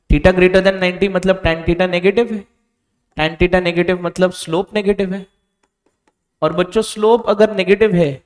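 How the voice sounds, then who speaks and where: A male physics teacher giving a board lecture, asking questions and quietly answering them himself. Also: high-pitched. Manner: stretches out key answer words softly. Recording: reverberant room.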